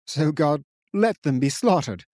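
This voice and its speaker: A man's voice: fairly high pitch, animated, unhurried, a little mellow, no echo, studio quality, pitched above the performer's own voice. A man voicing a grieving, angry young knight of an order, with a tense, raised delivery. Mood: bitter. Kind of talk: audiobook character voice.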